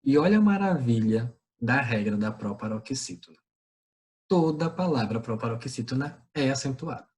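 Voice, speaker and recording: Brazilian male teacher, steady middle-pitched voice, poses questions and answers them. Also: moderate pace. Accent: Brazilian Portuguese. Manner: didactic, asks and answers his own questions. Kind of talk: online class explanation.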